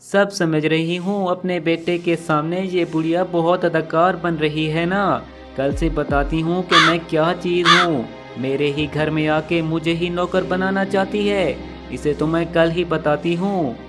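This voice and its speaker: A man's voice: on the high side, steady tone, a little slow, few pauses, over music, close to an everyday voice. A man voicing a cruel, arrogant young female crow who taunts and bosses her mother-in-law. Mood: scheming. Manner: scornful, bossy and taunting.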